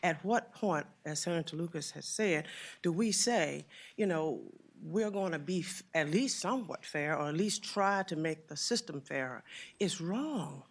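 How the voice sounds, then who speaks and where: A man giving formal testimony to a legislative committee, earnest and deliberate, pausing often with fillers. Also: on the high side, animated. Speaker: witness testifying before a committee.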